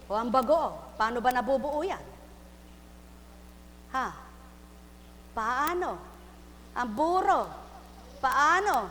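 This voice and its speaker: A woman preaching a live sermon, fervent and full of refrains, moving from soft confession to loud exhortation. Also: high voice, expressive, takes it slowly, pauses often. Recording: hall reverb, faint hum.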